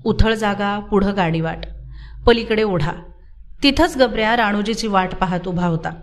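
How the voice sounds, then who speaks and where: Female audiobook narrator, dramatic novel reading, steady and expressive. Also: mid-range voice, normal speed.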